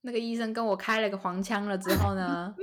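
A woman's voice: medium pitch, fast talker, crowd noise. A young woman co-hosting a podcast, telling a story in casual chat and acting out the lines of the people in it. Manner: animated, acts out quoted dialogue. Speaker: podcast co-host.

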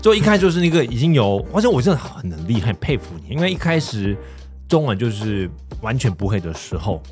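A man hosts a casual interview at a brisk pace, his mid-range voice moving up and down with animation. He is playful and chatty, doubling his phrases. Faint music sits behind him. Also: medium pitch, big pitch swings, darkish tone. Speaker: podcast host.

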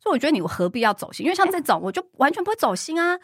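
A woman talks fast and reasons things through in a matter-of-fact way. She is a podcast co-host in casual chat. Her voice sounds dry and close on the mic. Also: sits high, very animated, dry recording. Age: 40s.

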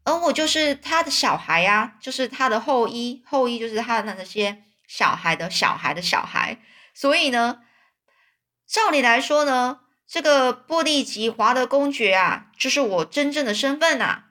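A woman's voice: fairly high pitch, expressive, normal speed, pushed and bright. A woman voicing a young male swindler who poses as a wronged duke, complaining in a mournful, pompous way. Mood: woeful.

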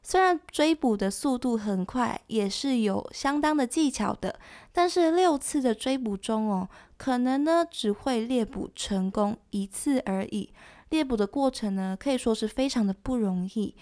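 Narrating a scripted nature documentary, a female animal education show presenter explains things in a chatty way with soft sentence particles. Her fairly high voice has lively intonation and moves at a moderate pace.

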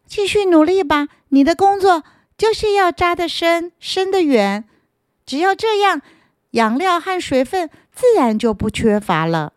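A woman's voice: very high voice, sing-song, unhurried, dry recording, studio quality, voice pushed up, heavily acted. A woman voicing a friendly earthworm in a children's story, speaking kindly and encouragingly like a big brother.

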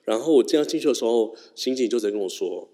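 A man's voice: medium pitch, fast. A man telling a personal story casually, rambling and correcting himself as he goes. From Taiwan. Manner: rambling, self-correcting, animated. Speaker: YouTuber. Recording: long reverb.

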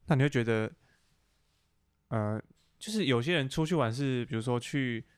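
A young man from Taiwan hosting a casual podcast chat, teasing his guest with quick probing questions. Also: mid-range voice, clear, resonant tone, no room sound, clean studio sound. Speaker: podcast host.

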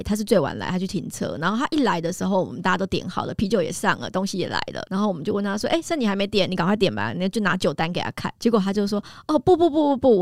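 A woman, a nutritionist hosting a chatty health talk and sharing personal stories, with many drawn-out sentence particles. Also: lowish voice, no echo, clean studio sound. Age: 40s. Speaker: nutritionist host.

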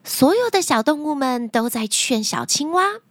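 A woman narrating a children's story in an expressive storytelling style. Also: high voice, normal speed, no echo, clean studio sound.

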